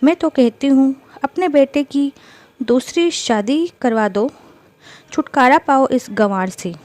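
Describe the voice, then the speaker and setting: A woman's voice: high voice, slow pace, darkish tone, dry recording. A woman voicing a spiteful neighbour woman in a storybook tale, speaking in a snide, gossiping tone.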